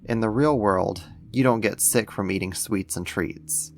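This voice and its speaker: In a soft-spoken ASMR roleplay, a man plays a gentle, doting, alien-like being who coaxes and soothes the listener as if it were a pet, tender but a little condescending. His pitch is fairly low, his pace a little slow, and there is a slight hiss or hum.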